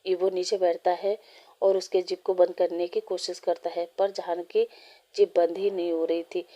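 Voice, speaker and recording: A woman reading a fan story aloud, in a steady, plain way with small slips. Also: on the low side, moderate pace.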